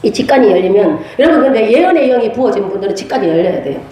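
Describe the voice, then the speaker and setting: A woman, a pastor's wife, teaching a church class on prophecy, telling stories in a lively way and laughing often. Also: medium pitch, very fast. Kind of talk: church lecture with storytelling. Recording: very echoey room.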